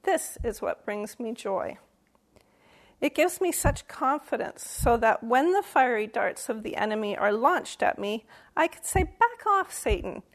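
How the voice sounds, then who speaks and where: An older woman delivers an Advent message to a camera in a slightly high voice with a gravelly edge. She tells a self-deprecating story with dry humor and breaks into sudden emphatic bursts. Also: expressive, a little slow. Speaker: lay church speaker.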